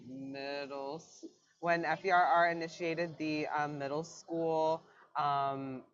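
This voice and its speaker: Halting teenage boy, higher voice. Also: highs cut off. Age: late teens. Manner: halting, restarting his sentences. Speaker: graduating marching band member. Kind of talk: casual interview answer.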